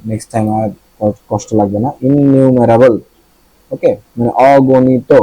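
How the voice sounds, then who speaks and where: A man's voice: medium pitch, mellow, dry recording, low-quality recording. A man from Bangladesh teaching vocabulary in a casual lesson, thinking aloud, checking pronunciations and joking with the viewers.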